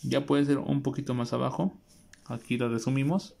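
A man giving a casual drawing tutorial, muttering a relaxed running commentary as he sketches at a desk. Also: medium pitch, normal speed, vocal fry. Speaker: drawing teacher. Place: indoors at a desk, overhead view of paper.

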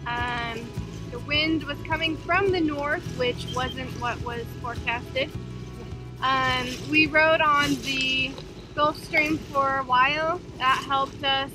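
A woman's voice: high-pitched, slow pace, music in the background. A young woman chatting casually on a sailboat at sea, filmed with a camera held at arm's length. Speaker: sailing vlogger. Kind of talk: casual chat.

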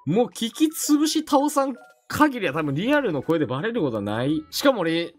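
A man from Mie Prefecture with a Mie dialect, chatting on a casual stream in an animated, rambling, jokey way. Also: high voice, moderate pace, faint music behind. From Mie Prefecture, Japan.

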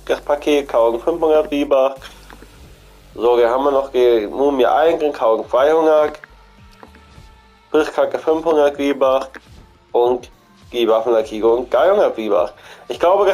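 A gaming channel host with a cold chats casually while walking through an in-game shop, repeating himself and thinking out loud. His voice sits at a medium pitch with a slightly mellow quality.

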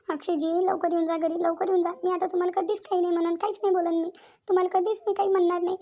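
A very high, thin voice belongs to a frantic young village bride in a cartoon, with a woman putting her on. She pleads and repeats herself, guilty and close to tears. The pitch sits far above an ordinary speaking voice. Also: level tone, fast, warm tone. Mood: pleading. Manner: pleading, repetitive wailing. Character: anxious young village daughter-in-law, tearful, guilty. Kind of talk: cartoon voice acting.

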